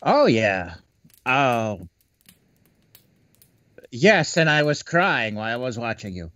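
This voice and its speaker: A man's voice: medium pitch, sing-song, slow pace, a bit bright, dry recording. A man guesting on a podcast in casual chat, laid-back and rambling, talking over a call mic. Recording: dry, dull lo-fi call audio.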